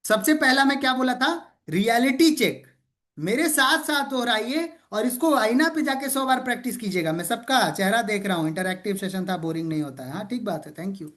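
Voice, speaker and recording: Energetic male trainer on a video call. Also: sits high, fairly quick. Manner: energetic call-and-response, keeps checking in with "okay?"; playful teasing of participants. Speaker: sales trainer. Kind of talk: interactive online training session.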